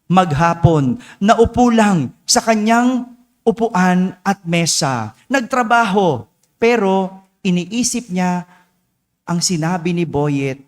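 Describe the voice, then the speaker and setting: A male priest tells a story during a homily, speaking slowly in a high voice. He often ends lines with a questioning "no?". His voice rings with a long church reverb.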